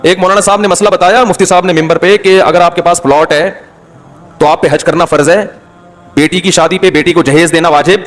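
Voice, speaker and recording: A man's voice: sits high, steady tone, faint music behind. A man giving a religious talk as a cleric, emphatic and impassioned, often scolding his listeners. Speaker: Islamic cleric.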